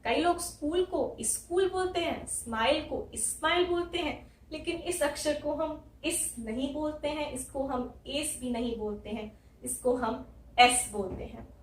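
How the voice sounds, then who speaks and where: A woman's voice: high-pitched, normal speed, slight background noise. A woman from India teaching English letter sounds, patiently repeating each sound step by step. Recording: echoey room, voice from a distance.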